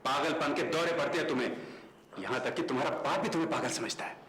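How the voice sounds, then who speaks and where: A man's voice: fairly high pitch, quick pace, a bit bright, lightly acted. Man playing an indignant, scornful tenant in an echoey room. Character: defiant older tenant. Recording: echoey room with faint noise.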